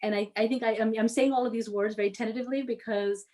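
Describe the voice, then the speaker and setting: A woman's voice: a little high, steady tone, fast. A woman in her forties from the D.C. area shares her story in an easy, conversational way. She hesitates often, fills gaps with "um", and picks her words carefully. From United States, D.C. area. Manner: tentative, many fillers, warm laughs. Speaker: podcast guest sharing her story.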